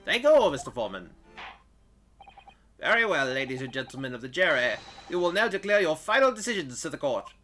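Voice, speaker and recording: A man voicing a stern older male judge in a courtroom video game, speaking formally and gravely. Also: fairly high pitch, very animated, a little fast, pushed and bright, faint music behind.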